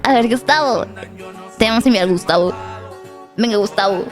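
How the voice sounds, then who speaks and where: A young woman giving casual gameplay commentary, laughing often, shouting at the game and reading pickup lines aloud. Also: a little high, normal speed, soft background music. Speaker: streamer.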